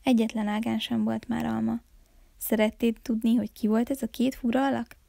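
A woman from a town library reading a children's Christmas story aloud in a calm, expressive way. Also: a little high, gravelly, no echo, studio quality.

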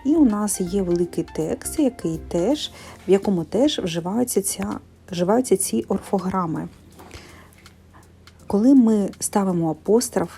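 A woman teaching in a methodical way, pronouncing sounds and syllables slowly and carefully. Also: mid-range voice, gravelly, warm tone. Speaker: primary school teacher.

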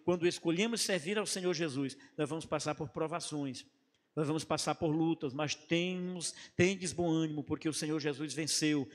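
A male pastor preaching a fervent evangelistic sermon, building to shouts and repeating praise refrains. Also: fairly high pitch, in a large hall. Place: church sanctuary.

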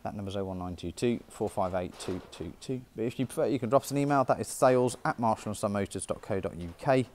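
In an indoor car showroom, a British car dealer gives a chatty, informal walkaround sales presentation with semi-casual commentary. His lowish, slightly mellow voice moves at a quick pace with few pauses, and there's a little hiss or hum.

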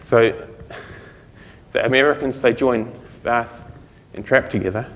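A middle-aged man giving an informal conference lecture, explaining things in a halting way with trailing thoughts. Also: medium pitch. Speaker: conference speaker. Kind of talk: technical lecture to an audience. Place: conference lecture room, indoors. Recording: reverberant hall recording.

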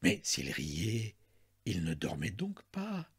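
A man reading a classic short story aloud in a dramatic, often hushed delivery. He speaks slowly, his pitch rising and falling with great liveliness, and his voice has a slightly husky, breathy quality. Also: wildly swooping pitch.

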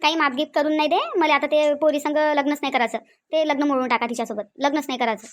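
A woman's voice: high-pitched, level tone, fast, natural voice. A woman voicing an angry, scolding middle-aged mother-in-law in a cartoon, with a Varhadi Marathi accent and a habit of repeating herself. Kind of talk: cartoon voice acting.

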